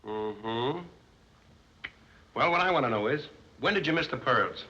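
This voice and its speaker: A blunt, bullying detective in screwball comedy banter. The voice is hard and bright, on a dull 1930s film soundtrack. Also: male voice, medium pitch, animated, measured pace, a little hiss or hum. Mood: brusque. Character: rude, blunt police detective.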